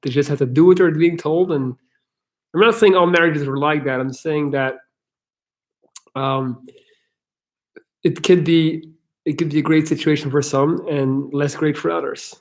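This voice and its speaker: A man's voice: fairly high pitch, steady tone, a little slow, long pauses. A man from Belgium with an American accent, hosting a casual live chat and answering viewers' questions in a frank, rambling way that restarts often.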